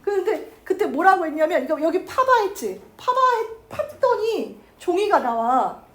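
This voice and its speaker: A woman teacher giving a chatty literature lecture, acting out the characters' lines in quick asides. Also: very high-pitched, big pitch swings. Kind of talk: lively lecture retelling a classic novel.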